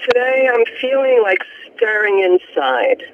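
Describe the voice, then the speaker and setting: A woman's voice: fairly high pitch, big pitch swings, measured pace. A woman from Florida calling in to a radio show over the telephone, talking earnestly and at length about her personal troubles. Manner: earnest, rambling, open about family troubles. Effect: heard over a telephone line on a radio show. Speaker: radio call-in caller. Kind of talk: personal phone-in conversation. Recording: tinny phone line with faint hiss.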